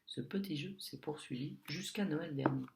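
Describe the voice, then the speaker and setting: A man telling a storybook tale in a hushed, deliberate whisper. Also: fairly high pitch, creaky, heavy background noise.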